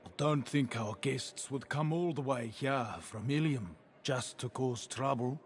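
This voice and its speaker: An actor playing a smug male crime lord with a South African accent, smooth and condescending in a video game. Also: medium pitch, measured pace, a little hiss or hum, natural voice. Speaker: villain in a game.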